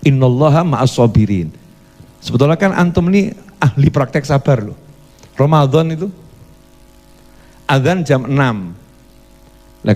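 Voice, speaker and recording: A man preaching a midday sermon, playful and lively, tossing quick questions to the congregation. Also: medium pitch, big-room sound.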